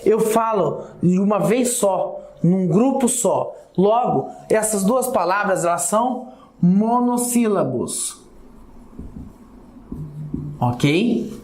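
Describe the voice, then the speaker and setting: Woman teacher, Brazilian accent, informal and checking in with students; slow delivery, echoey recording. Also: mid-range voice, darkish tone. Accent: Brazilian Portuguese. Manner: addresses students informally, checks understanding with repeated "tá?" and "ok?". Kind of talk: recorded class lesson. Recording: echoey classroom sound.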